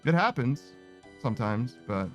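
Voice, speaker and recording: A young man streams a game and rambles casually, restarting often and using plenty of fillers. His mid-range voice swings widely in pitch at a normal speed, with faint music playing behind him.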